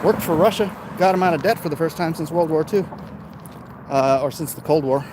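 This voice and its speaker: An American man with a fairly high, brisk voice speaks off the cuff, casual, opinionated and emphatic, like a vlogger chatting with viewers. He's live-streaming from his backyard, reading and answering viewer comments. The outdoor recording is noisy with urban ambience and traffic.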